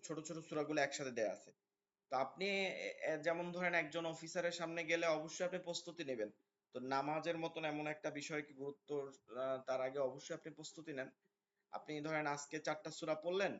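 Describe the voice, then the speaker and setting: Male recitation teacher, patient and repetitive drilling, slightly high voice, dull low-fidelity audio. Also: slight background noise. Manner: drills letter sounds by slow repetition; explains patiently, addressing students directly. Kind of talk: online class lesson. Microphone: online class audio.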